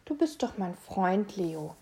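A woman's voice: mid-range voice, sing-song, slow, dark tone. A woman voicing a friendly little boy mouse in a children's storybook, with a kind, cheerful manner.

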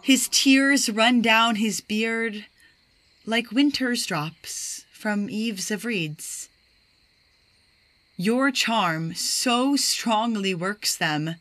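Casting: woman as airy spirit, lively teller, unhurried. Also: mid-range voice, no room sound. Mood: reporting. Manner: lively storytelling. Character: quick obedient airy spirit servant.

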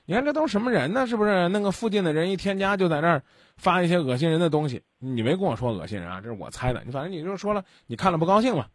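Blunt lively radio advice host, man. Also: fairly high pitch, rapid-fire, dry recording, clean studio sound. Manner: blunt, scolding, lecturing.

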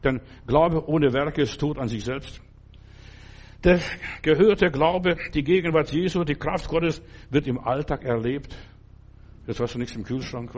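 A man's voice: a little high, darkish tone, breathy edge. An older male preacher delivering a loose, conversational sermon, often stopping to ask whether the listener understands. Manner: conversational, keeps asking "verstehst du?".

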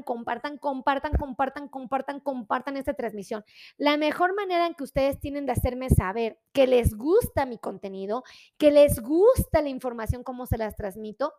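A woman doctor giving a casual live-stream health talk, animated and pleading, and repeating her requests many times. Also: high voice.

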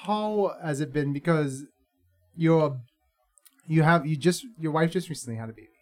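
A man's voice: fairly high pitch, normal speed, darkish tone. A man hosting a casual interview, joking and teasing his guest and laughing often. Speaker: podcast host.

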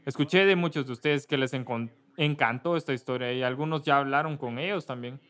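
A man from Kentucky, a pastor giving casual church announcements, halting and correcting himself often. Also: medium pitch, fairly bright tone. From Kentucky, USA. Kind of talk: church announcements before a service.

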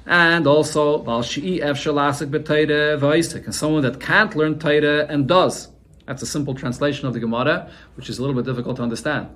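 A man's voice: on the high side, steady tone, fairly quick, fairly bright tone. Man teaching a Talmud lesson. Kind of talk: Talmud shiur, translating and explaining.

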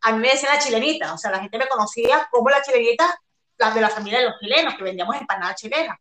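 A woman's voice: on the high side, animated, racing, a bit bright. A woman raised in Venezuela, speaking as a guest chef in a casual interview and eagerly sharing stories. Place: home in Germany. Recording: echoey room.

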